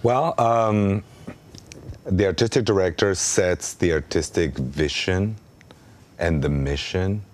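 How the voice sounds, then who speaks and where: A Mexican man in his thirties, an artistic director and native Spanish speaker with a Mexican Spanish accent, speaks earnestly as an interview guest. His voice is low and slow, and he often says "um" and restarts his sentences.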